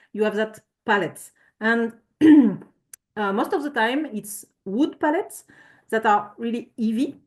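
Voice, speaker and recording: A woman presents at a conference, walking through slides in a hesitant way, full of fillers and corrections of her own words. Her voice sits a little higher than most women's.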